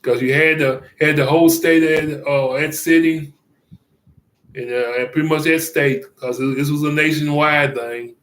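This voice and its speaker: A man giving casual commentary, rambling and halting with many fillers and restarts, chuckling often. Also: a little high, steady tone, a bit bright, reverberant, rough recording.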